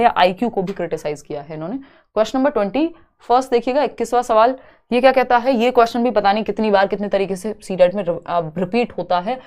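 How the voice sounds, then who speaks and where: A young woman teaches an exam prep class online, walking through questions step by step and answering her own questions. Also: fairly high pitch. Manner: explains questions step by step, asks and answers herself. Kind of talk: online lecture.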